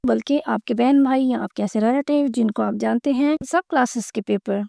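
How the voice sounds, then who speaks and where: A woman explaining a school textbook lesson, reading the English lines slowly and then explaining them in Urdu. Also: fairly high pitch, vocal fry, dark tone, dry recording, studio quality. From Pakistan. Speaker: teacher.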